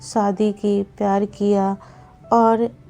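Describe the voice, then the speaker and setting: Woman playing young husband, reassuring, plain, slow, mellow, storybook. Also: medium pitch, little pitch movement, soft background music, voice pushed down. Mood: exasperated. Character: young husband, patient then frustrated.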